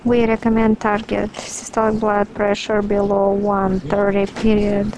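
Woman dictating a medical letter slowly. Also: mid-range voice, completely flat delivery, a crowd in the background, poor audio. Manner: spells out drug names letter by letter and speaks punctuation aloud; measured, deliberate.

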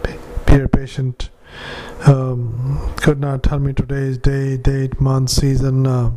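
Male clinician dictating to a recorder; very flat, halting, mid-pitched. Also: noisy background. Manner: halting, with many filler sounds and restarts. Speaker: clinician dictating a patient report. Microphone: handheld dictaphone.

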